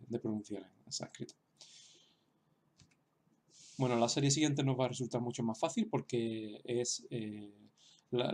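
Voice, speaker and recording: A man's voice: medium pitch, a little mellow. A man giving an explanatory lesson as a teacher, talking hesitantly with many fillers and restarts. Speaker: Sanskrit teacher.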